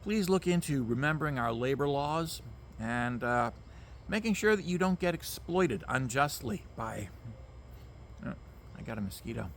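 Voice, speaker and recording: A man's voice: medium pitch, animated, normal speed, gravelly, slight background noise. A man, ranting emphatically to camera outdoors, repeating himself and swearing. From Canada. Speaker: vlogger. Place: outdoors among mosquitoes.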